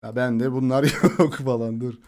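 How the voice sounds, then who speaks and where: A man's voice: mid-range voice, fairly even intonation, a little slow, darkish tone. A young male streamer in casual chat with his audience. He jokes around and laughs often, and his voice sits in an ordinary middle range. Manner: joking, laughs often, chats with viewers. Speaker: live streamer.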